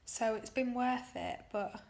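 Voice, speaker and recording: Weary, creaky-voiced British woman after surgery. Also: fairly high pitch, steady tone, darkish tone. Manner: halting, emotional, emphatic on key words. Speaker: patient recounting her own surgery. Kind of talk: personal video diary, recounting an experience.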